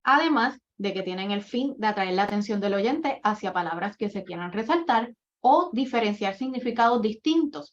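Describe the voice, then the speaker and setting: A woman giving a workshop lecture, explaining writing rules step by step with example after example. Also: medium pitch. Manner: methodical, lists rules and examples one by one. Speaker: admissions coordinator giving a workshop. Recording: dull lo-fi recording.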